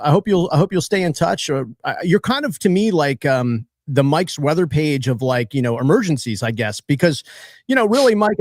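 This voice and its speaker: A male podcast host talking casually, rambling from one thought to the next with lively quoted asides. His voice sits a little high, and the sound is close and dry. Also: no echo. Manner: chatty, rambling, animated storytelling. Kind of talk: casual live podcast chat.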